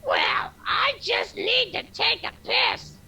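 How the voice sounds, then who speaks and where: A man's voice: extremely high pitch, takes it slowly, vocal fry, bright, forceful tone, pitched above the performer's own voice, full character voice. A man voicing a crude, bickering two-headed giant guard in a tabletop game, whiny and squabbling. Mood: squabbling, irritated. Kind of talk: comic tabletop game character voice.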